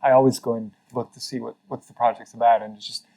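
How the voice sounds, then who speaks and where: In a low-quality recording, a mid-range male voice talks fast with a level tone and a mellow quality. The speaker is a middle-aged Mexican man and former head of a carbon registry, guesting in a casual interview. He sounds earnest and reflective, full of fillers and restarts.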